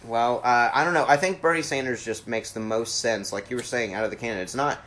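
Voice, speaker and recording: A man's voice: medium pitch, fairly quick, fairly bright tone. A man in casual political chat, rambling with many fillers and swearing bluntly. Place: cold unheated studio.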